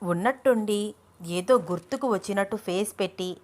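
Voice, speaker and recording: A woman storyteller narrating an audio love story in a calm, explanatory way. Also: mid-range voice, normal speed.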